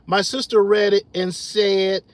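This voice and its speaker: A middle-aged man chatting casually on his livestream, animated and loose, laughing often and reading chat comments aloud. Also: sits high, measured pace, no echo. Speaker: livestream host.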